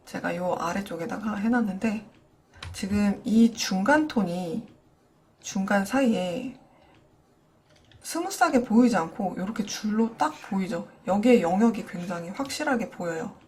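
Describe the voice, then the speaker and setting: A woman's voice: mid-range voice, darkish tone. A young adult woman teaching digital coloring in a screen-recorded tutorial. She speaks patiently and explains each step directly to her viewers. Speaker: digital painting instructor.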